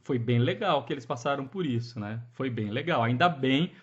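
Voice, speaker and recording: A man's voice: medium pitch, expressive, normal speed, dull audio. A man with a Brazilian Portuguese accent teaches an online grammar lesson in a chatty way, often asking the viewer rhetorical questions and checking they follow along.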